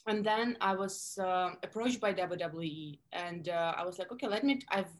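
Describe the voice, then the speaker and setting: A woman's voice: fairly low pitch, normal speed. A woman in her thirties from Russia with a Russian accent, a guest telling stories in a casual interview with plenty of fillers. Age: 30s. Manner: animated storytelling with many fillers.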